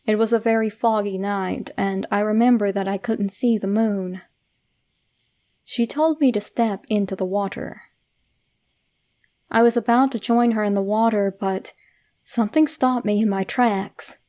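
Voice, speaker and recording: Suspenseful pauses break up this woman's soft, hushed reading of a first-person horror story from a script. Her pitch is medium, her tone steady, and her pacing measured.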